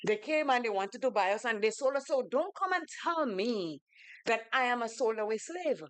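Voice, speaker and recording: Grenadian woman radio co-host, animated storyteller, dry close sound. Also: on the high side, moderate pace, dry recording. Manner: animated storyteller, acts out quoted voices. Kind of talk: casual radio talk with storytelling. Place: radio studio.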